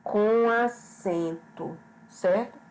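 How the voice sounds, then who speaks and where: A woman's voice: medium pitch, a little mellow, slight background noise, low-quality recording. A woman teacher giving an online grammar lesson, patient and repetitive, often checking in with her students. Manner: slow, patient, repeats questions and checks with "certo?".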